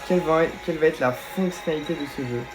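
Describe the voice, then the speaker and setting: A young man reacting live to a game showcase, talking straight to his viewers and breaking into excited outbursts. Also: fairly high pitch, fast talker, faint music behind. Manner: excitable, bursts into shouts of delight; talks straight to viewers as "les gars".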